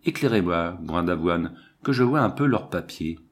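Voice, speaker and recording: Casual: guy reading as a fussy little police commissioner, pompous and chatty, kinda low voice, storybook style. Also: animated, moderate pace. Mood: bluff, chatty. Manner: chatty, self-important, confiding.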